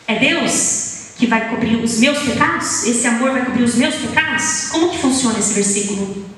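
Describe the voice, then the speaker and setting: A woman preaching a sermon, reading scripture aloud in an animated way and changing her voice for the people in the story. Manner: animated, shifts pitch to act out quoted speakers. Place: church hall. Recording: echoey hall, voice from far off.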